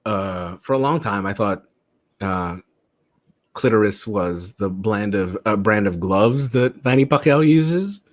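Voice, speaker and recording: A man's voice: lowish voice, lively intonation, a little slow. A man with a Filipino English accent co-hosting a casual comedy podcast and telling jokey stories. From Philippines. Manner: jokey storyteller, laughs often. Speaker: podcast co-host.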